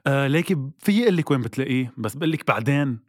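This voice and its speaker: A man's voice: mid-range voice, lively intonation, very fast, no room sound, studio quality. A man with a Lebanese accent co-hosting a podcast in casual chat, teasing and mock-indignant, often cutting in. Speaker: podcast co-host.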